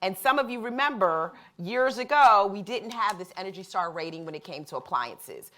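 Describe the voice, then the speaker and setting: A woman speaking as a panelist at a live public discussion, laying out her ideas in a measured, thoughtful way. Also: mid-range voice, expressive, a bit bright.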